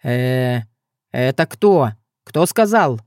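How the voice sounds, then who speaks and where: A woman doing a gruff, bewildered young man. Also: sits low, animated, a little slow, no room sound, studio quality. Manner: blunt slangy talk.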